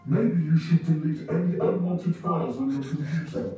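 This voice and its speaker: A man voicing a know-it-all male talking gadget that speaks in stiff, flat announcements, heard from a distance in a roomy space with music behind. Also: on the high side, moderate pace, natural voice. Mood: deadpan.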